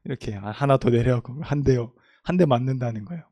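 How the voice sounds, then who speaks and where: A middle-aged man preaching a sermon as a pastor, moving from loud, emphatic passages to quiet, homely storytelling. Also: mid-range voice, animated, quick pace, no room sound. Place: church sanctuary.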